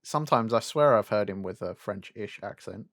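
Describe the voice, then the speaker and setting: A man's voice: on the low side, normal speed, no room sound, studio quality. A young man co-hosting a casual, sweary chat, griping and asking rhetorical questions. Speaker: podcast co-host. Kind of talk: casual chat about animation and games.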